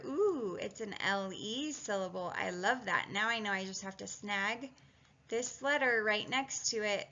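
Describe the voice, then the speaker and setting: Leading students through a phonics lesson on video, a reading and spelling teacher chats encouragingly, thinks aloud, and sounds out each word syllable by syllable. Her voice is on the high side, bright and forceful, with vocal fry. The audio is dull and lo-fi.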